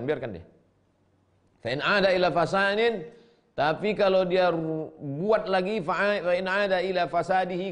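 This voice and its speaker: Gravelly-voiced male preacher. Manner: shifts pitch sharply to act out quoted speakers; repeats and rephrases each line for the audience. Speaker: preacher teaching a classical text. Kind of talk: reading Arabic text aloud and translating it line by line.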